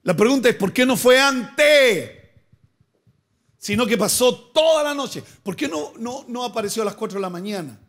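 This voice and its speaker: A pastor delivers a sermon in a notably high voice. He poses question after question to his congregation. He drives his points home with bursts of repeated words. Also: expressive, normal speed, a bit bright. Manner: preaching with rising emphatic bursts and repeated words.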